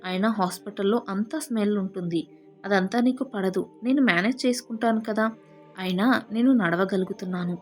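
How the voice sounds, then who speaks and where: A woman voicing a soft-spoken young husband, loving but secretive, with no change of voice from her own. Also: medium pitch, lightly acted.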